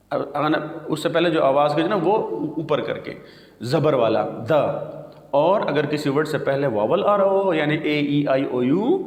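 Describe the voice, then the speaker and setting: A man gives a pronunciation lesson in a slightly high voice, slowing down to spell each word out. The room is bare and echoey, with a long reverb tail behind him. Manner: slow, deliberate spelling out of words. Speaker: English teacher.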